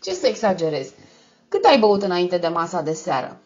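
A woman's voice: lowish voice, very animated, a little mellow, dull audio. A woman reading aloud voices a nervous, stubborn man who snaps back curtly. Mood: defensive. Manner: curt, defensive. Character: nervous, stubborn man drinking too much.

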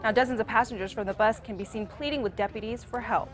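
Young woman tv reporter narrating a news story, voice a bit high. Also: fairly even intonation, quick pace. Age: young adult.

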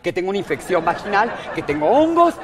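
A woman's voice: lowish voice, very animated, fast, big-room sound, crowd noise, background noise. A woman with a Mexican accent playing a vain, dramatic blonde actress in a live comedy sketch, gushing and calling everyone "mi vida". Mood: diva huffing. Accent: Mexican Spanish. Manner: campy, gushing, peppers lines with "mi vida" and "hello". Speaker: comedy performer.

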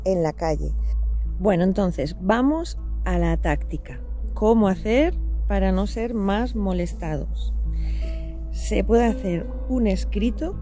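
Earnest woman explaining, mellow voice. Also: mid-range voice, animated, slow, soft background music. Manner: earnest, many rhetorical "¿no?" tags. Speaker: channel host. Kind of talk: explanatory talk to camera.

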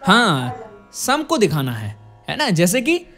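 High, lively male music teacher. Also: takes it slowly. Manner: explains patiently, breaks into sung demonstrations; asks rhetorical questions to the student. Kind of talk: classical music lesson.

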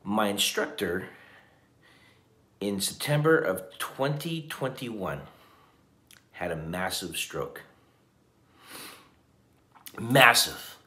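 A vlogger in his fifties, tired after a long day, talks earnestly and reflectively to the camera from a hotel room at night, often restarting sentences. His low-side voice is bright and forceful with lively intonation, extremely slow with frequent pauses, and the camera sits on a table at arm's length, leaving it reverberant.

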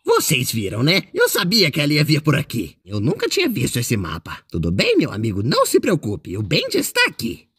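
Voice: mid-range voice, huge pitch swings, fairly quick, fairly bright tone, slightly rough, dry recording, full character voice. A performer voicing a mischievous, boastful male ink demon in character while commenting on a game, with a playful, exclamatory manner.

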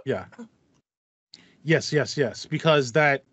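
Here a thirties-aged man co-hosts a podcast, talking casually and enthusiastically about video games, rambling and repeating phrases. His medium-pitched voice is slow with a fairly bright tone. He uses a headset on a video call in a small room with acoustic foam, giving slightly muffled sound and no room reverb.

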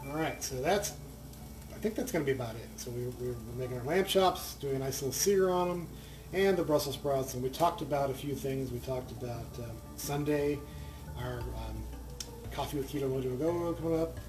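A man's voice: mid-range voice, fairly quick, over music, low-quality recording. A man hosting a home cooking video, chatting casually with many fillers and restarts. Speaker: cooking channel host.

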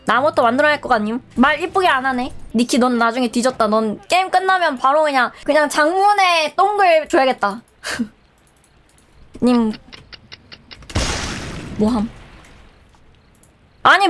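A woman's voice: high-pitched, lively intonation, moderate pace, fairly bright tone. A young woman streaming a game, chatting playfully and teasing her viewers and teammates. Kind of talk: live game streaming chat.

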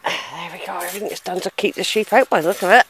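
Fast and a bit bright, though on the low side, the voice belongs to a middle-aged family history vlogger strolling through a country churchyard with a handheld camera, staying unseen behind it. She thinks aloud in a hesitant, musing way, sighing and reading gravestones, over a little hiss or hum.

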